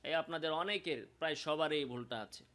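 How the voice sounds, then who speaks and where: A man with a Bangladeshi Bengali accent teaching Quran pronunciation, explaining slowly and demonstrating sounds in drawn-out chanted examples. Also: fairly high pitch, bright, forceful tone. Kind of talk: recitation lesson.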